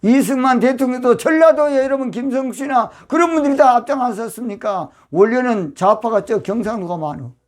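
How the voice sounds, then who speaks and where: Fiery older Jeolla-accented pastor preaching. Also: male voice, a little fast, hardly any pauses. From Yeosu, Jeolla province, South Korea. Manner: fiery and emphatic, with sudden loud high outbursts. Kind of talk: sermon.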